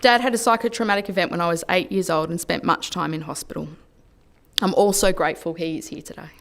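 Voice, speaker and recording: An Australian woman speaks in a legislative chamber, delivering a prepared parliamentary speech. Her voice sits somewhat low for a woman, and her delivery is earnest and measured. She is picked up by a lectern microphone. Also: creaky, fairly bright tone. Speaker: politician.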